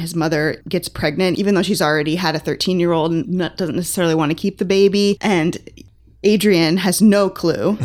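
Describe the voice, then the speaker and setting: Chatty woman with a lowish voice. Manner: chatty, laughs often, playful. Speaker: podcast co-host reviewing books. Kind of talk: casual book chat.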